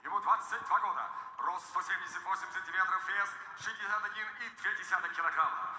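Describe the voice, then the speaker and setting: A male ring announcer with a high, piercing voice booms through a long-reverb arena sound system. He gives formal fighter introductions with brash promoter hype, stretching names out for show. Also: fairly quick, pushed and bright. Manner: brash, hyped showman delivery. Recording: echoey arena PA, long reverb, faint noise.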